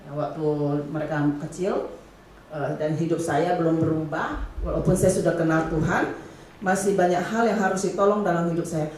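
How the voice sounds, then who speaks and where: Lively woman preaching in an echoey hall. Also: fairly low pitch, moderate pace, distant mic, a little hiss or hum. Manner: lively, asks the crowd questions, acts out scolding mother. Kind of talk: youth sermon. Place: church hall. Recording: echoey hall, heard from afar.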